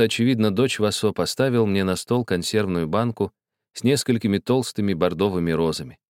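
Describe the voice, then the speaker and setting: A man reading a novel aloud in a steady, measured way. His voice sits somewhat low and the recording is dry and close. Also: dry recording. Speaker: audiobook narrator. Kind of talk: scripted narration.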